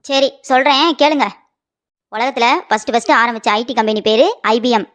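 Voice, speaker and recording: A woman voicing a sharp-tongued, scolding middle-aged mother-in-law in a cartoon comedy. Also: on the high side, lightly acted. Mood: lecturing. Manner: rapid scolding and mocking.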